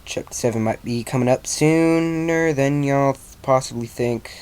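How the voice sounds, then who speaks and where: A man reading his own fan fiction aloud in a halting, stumbling, casual way. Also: medium pitch, a little mellow, clear, resonant tone. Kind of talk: amateur story reading.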